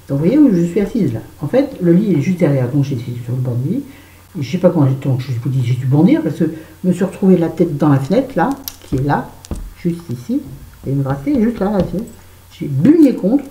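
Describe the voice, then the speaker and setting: Dark-voiced woman chatting on a vlog. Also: lowish voice, sing-song, brisk, echoey room, poor audio. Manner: chatty, addresses viewers directly, swears casually. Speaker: vlogger. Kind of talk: casual storytelling while doing make-up. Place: bedroom at home.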